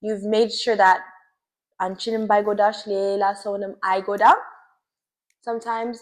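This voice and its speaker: A woman speaking in a mid-range voice, earnest and advice-giving in a casual chat. Her words come quickly. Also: mid-range voice, little pitch movement. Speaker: co-host.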